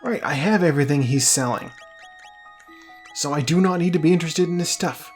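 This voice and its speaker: A man's voice: on the high side, fairly quick, soft background music. A man hosting a casual video game playthrough, rambling and correcting himself as he chats along. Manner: rambling, self-correcting, chatty. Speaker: let's play host. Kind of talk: casual gameplay commentary.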